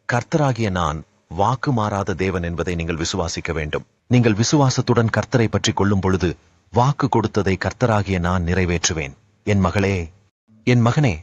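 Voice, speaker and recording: Speaking in the voice of God, a man with a low voice gives a solemn, comforting devotional message and calls his listeners his daughters and sons. The recording is dull, lo-fi and dry.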